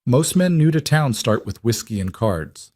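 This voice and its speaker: A man voicing a guarded young woman who runs a frontier store, with crisp, dry retorts in a raised voice. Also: medium pitch, sing-song, normal speed, darkish tone, pitched above the performer's own voice. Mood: brisk. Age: 20s.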